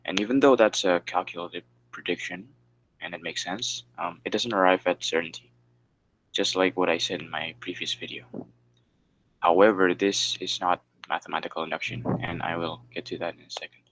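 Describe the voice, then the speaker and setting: A man's voice: low-pitched, fairly even intonation, normal speed, fairly bright tone, slight background noise, rough recording. A man giving a class presentation over a video call, explaining step by step with frequent fillers. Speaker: student presenter.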